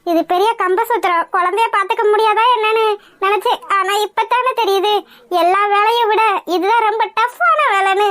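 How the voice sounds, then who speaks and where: Nervous cartoon nanny: a woman does a young servant girl, anxious and pleading, pitched very high. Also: fairly even intonation, moderate pace, a bit bright. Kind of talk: village cartoon voice acting.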